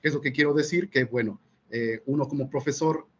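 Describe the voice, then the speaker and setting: A man, a physics teacher presenting at a seminar, measured and full of fillers and checking questions. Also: medium pitch, husky, highs cut off. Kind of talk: explanatory academic presentation.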